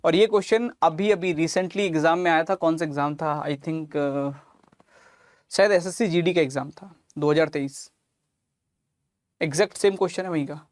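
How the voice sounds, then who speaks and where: A man's voice: a little high, moderate pace, no echo. A man teaching exam reasoning online, working through calculations step by step and fondly calling students lalla and mere lal, mixing English terms into his talk. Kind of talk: online exam coaching lesson.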